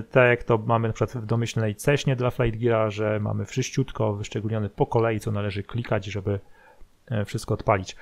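A man with a lowish, gravelly voice hosts a casual simulator tutorial. He explains things step by step in a halting, thinking-aloud way. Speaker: flight simulator video host. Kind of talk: casual screen-tutorial commentary. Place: voice-over recorded over screen capture.

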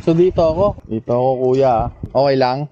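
A young man vlogging casually from a small outrigger boat at sea, with a clip-on mic, getting excitable when fish bite. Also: medium pitch, normal speed, muffled recording, background noise. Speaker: fishing vlogger. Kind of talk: casual chat while fishing.

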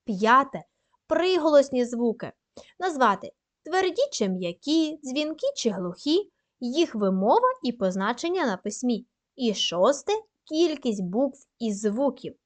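Female primary teacher, high animated voice, unhurried dictation with plenty of praise. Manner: slow, careful dictation with frequent praise. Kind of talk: recorded lesson for young pupils.

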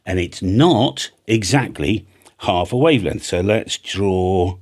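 A British antenna maker and radio amateur in his fifties talks through a casual tutorial in a small indoor home studio, close on a large boom-arm studio mic. His husky voice is low, slow and a little mellow. He speaks plainly and chattily, frequently checking with the listener by saying "right?" and "okay?"

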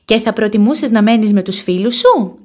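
A woman voicing a fed-up mother rabbit in a storybook reading, scolding but calm at heart. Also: medium pitch, natural voice. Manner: scolding, then calm and steady.

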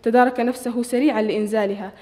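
A woman from Saudi Arabia reading her own short story aloud at a literary evening, measured and expressive, with the odd restart. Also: on the high side. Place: hotel function hall. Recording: long reverb of a large hall.

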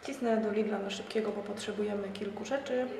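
A woman's voice: steady tone, fast talker, gravelly, darkish tone. A woman in her twenties from Poland chatting casually to her camera in an offhand, slangy, rambling way. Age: 20s. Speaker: vlogger. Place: outdoors on streets and platform, aboard a train. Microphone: camera microphone at arm's length. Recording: noisy handheld camera, traffic and travel rumble.

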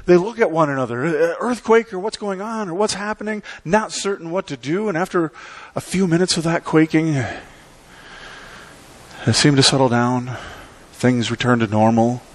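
Middle-aged male pastor, animated pulpit preaching with dramatic pauses, church sanctuary. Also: a little high, no echo. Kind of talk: sermon.

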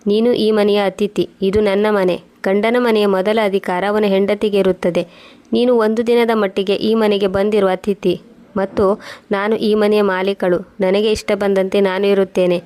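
A woman voicing a cruel, careless young sister-in-law, read in a flat, even way. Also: medium pitch, normal speed, lightly acted. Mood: dismissive.

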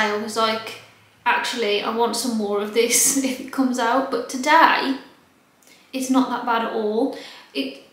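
A woman's voice: a little high, a bit bright. A young adult British woman chatting casually and informally to camera as a vlogger, rambling along in an empty, echoing bedroom. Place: small empty bedroom with bare walls and wood floor, indoors. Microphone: camera mic at about arm's length or more. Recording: very echoey empty room.

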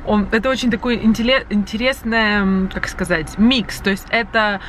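A young Latvian woman vlogs casually and animatedly to her viewers, holding her phone camera at arm's length as she moves along a city street, into shops, and finally into a parked car. Her mid-range voice is fairly bright, with fairly even intonation and a normal pace, and there's a little hiss or hum on the recording.

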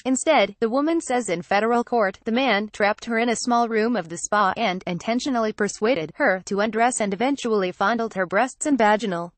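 A woman narrating a news report in a steady, scripted read. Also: medium pitch, dry recording.

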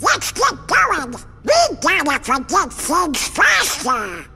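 A man voicing an impatient, excitable cartoon duck in a game, with a garbled quacking voice that pushes others on. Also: extremely high pitch, slow, gravelly, full character voice. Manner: pushy, urging others on. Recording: reverberant game audio with music.

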